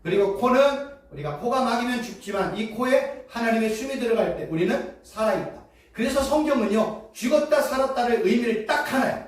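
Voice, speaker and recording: A woman's voice: on the high side, animated, a little fast. Woman, seminary professor, preaching-style lecture, rhetorical questions, heavy echo, distant mic. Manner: quizzes the audience with rhetorical questions, emphatic repetition. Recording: very echoey room, mic far off.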